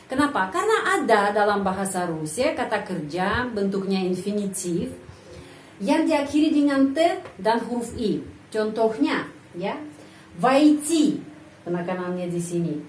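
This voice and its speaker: A woman's voice: medium pitch, very animated, moderate pace, a little hiss or hum. A woman giving a language lesson, explaining patiently and repeating example phrases. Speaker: language teacher. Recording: echoey room, voice from off-mic.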